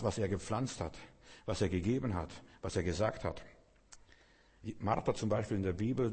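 Man, preacher, sermon, husky low voice, earnest, long hall echo. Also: a little mellow. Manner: earnest, direct address to listener. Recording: long reverb.

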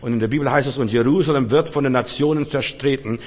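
A husky-voiced man preaches a sermon, pressing his points and then dropping to a hushed tone. His voice rings out with the long reverb of a large hall. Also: mid-range voice, fast talker. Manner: emphatic, swings between loud and hushed.

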